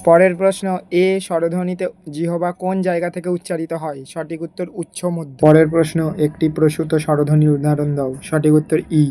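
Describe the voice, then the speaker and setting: A man with a rather high voice runs through quiz questions and answers in a steady drill. His delivery is flat, with little rise and fall, and every line falls into the same rhythm. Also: fairly quick, few pauses. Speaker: coaching teacher.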